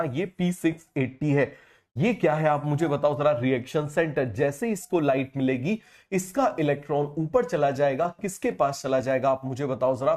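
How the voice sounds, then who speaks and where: A man's voice: on the high side, darkish tone. Feverish man teaching with call-and-response. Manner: call-and-response questioning, repeats key terms slowly. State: feverish, speaking slower than usual. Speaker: biology teacher. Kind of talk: online class lecture.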